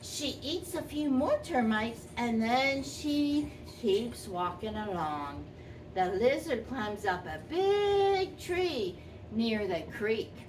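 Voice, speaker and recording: A woman voicing a sweet, gentle old granny who tells a children's story expressively, lingering on and repeating words. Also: on the high side, sing-song, slow pace. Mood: tender wonder. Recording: distant microphone, faint background noise.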